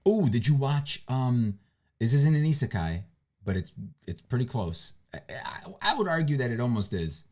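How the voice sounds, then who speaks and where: A man's voice: mid-range voice, moderate pace. A man co-hosting a livestream, chatting casually and rambling with frequent restarts. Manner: relaxed, rambling, restarts a lot. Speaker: livestream co-host. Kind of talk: casual chat.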